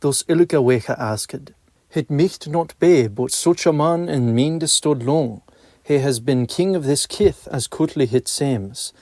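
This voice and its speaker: A man reading an alliterative Middle English poem aloud in a measured, metrical way with archaic pronunciation. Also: on the high side, dark tone, no room sound. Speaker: reader of a medieval poem.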